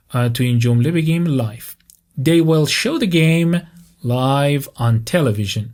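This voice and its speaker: A man giving a vocabulary lesson at a mid-range pitch. He reads each example sentence slowly and clearly, then switches to brisk explanations. The tone is steady and patient. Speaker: English teacher.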